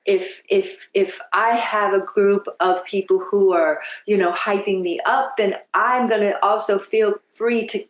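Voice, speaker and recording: A woman's voice: mid-range voice, fairly even intonation, unhurried, few pauses. A woman hosting an interview, talking earnestly and thinking aloud. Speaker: host. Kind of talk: casual interview chat. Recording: echoey room.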